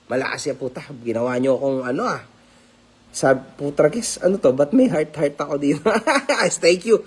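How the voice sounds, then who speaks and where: A man's voice: on the high side, normal speed, slightly rough. A man talking casually to his viewers as a vlogger, teasing and laughing often and mixing English phrases into his talk. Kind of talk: casual commentary vlog.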